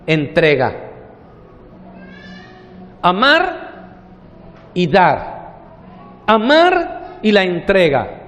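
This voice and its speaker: A man preaching a sermon as pastor, slowing down on key words and acting out the characters' lines in a story. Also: extremely high pitch, long reverb tail. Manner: preaching with long slow pauses, acting out the parable's dialogue.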